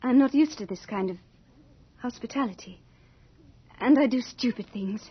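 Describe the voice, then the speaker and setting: A sweet, apologetic young maiden of death, speaks in a high, breathy voice with gentle courtesy. It is radio drama, slightly dull in sound with faint music underneath. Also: female voice, moderate pace. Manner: gentle, polite, girlish. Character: Death as a lovely, shy, apologetic young girl. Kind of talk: 1980s radio drama acting.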